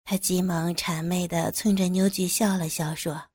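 A woman's voice: on the low side, flat delivery, moderate pace, a little mellow, husky, dry recording, clean studio sound. A woman narrating a first-person story as an audiobook, in a knowing, lightly mocking manner.

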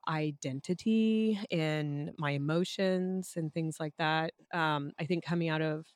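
A woman co-hosting a podcast, hoarse and raspy from a cold, chatting in a reflective way with many fillers. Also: sits low, a little slow, dry recording, clean studio sound. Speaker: podcast co-host. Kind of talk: casual chat.

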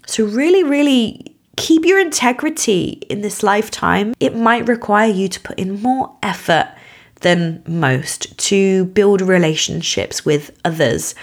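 Female podcast host, croaky voice, mid pitch, earnest emphatic delivery, reassuring spiritual guidance addressed to one listener. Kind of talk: spiritual teaching monologue to listener.

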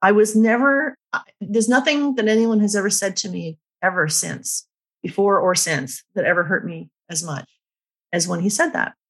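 A woman's voice: medium pitch, normal speed, husky. A middle-aged woman, a numerologist, telling personal stories candidly and emphatically in a podcast interview. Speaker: numerologist guest.

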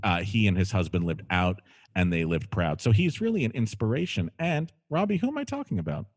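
A man's voice: on the low side, big pitch swings, brisk, slightly rough. A man hosting a conversational interview, effusive and emphatic, often repeating phrases for weight. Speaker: host.

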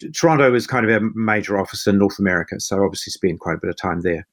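A man's voice: fairly low pitch, fast, fairly bright tone. A man with a broad New Zealand accent giving conversational answers as a podcast guest. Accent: broad New Zealand (Kiwi). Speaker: podcast guest, chief medical officer and physician.

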